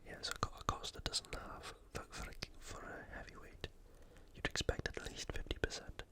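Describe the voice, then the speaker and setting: Moving at a moderate pace, an ASMR host gives an analytical sports preview that feels informal and somewhat tentative, whispered breathily without any voice.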